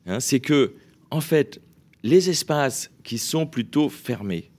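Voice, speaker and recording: A man's voice: mid-range voice, expressive, slow, a little mellow. A man explaining research findings in a radio interview, hesitant, with many fillers and restarts. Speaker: researcher guest.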